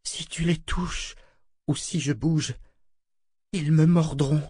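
A man reading a terrified young woman's lines in an audiobook, in a hushed, breathless voice. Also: on the high side, fairly even intonation, slow pace, slightly rough, no room sound, pitched above the performer's own voice. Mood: frightened. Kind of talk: audiobook character voice.

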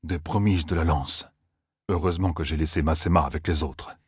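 A man voicing a wary male officer who mutters in a measured way. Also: extremely low pitch, fairly even intonation, husky, no room sound, studio quality, heavily acted. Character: wary soldier officer, grim and low.

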